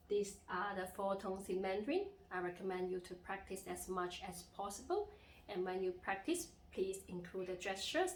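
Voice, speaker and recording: A woman's voice: mid-range voice, echoey room, slight background noise. A woman teaching Mandarin tones in a lesson, patiently drawing out each demonstrated phrase. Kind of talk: language lesson with slow drilled phrases.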